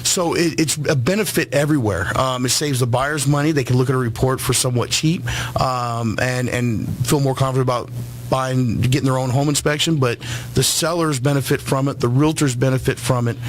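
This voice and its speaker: A man's voice: medium pitch, fairly quick, a little hiss or hum. A man who works as a home inspector, a guest on a radio show, explaining his business earnestly with many ums and restarts.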